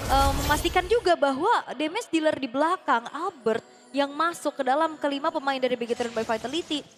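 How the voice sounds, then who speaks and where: A woman's voice: high voice, brisk, music in the background. A woman with an Indonesian accent, an esports caster, gives flowing, keyed-up analysis of a live match.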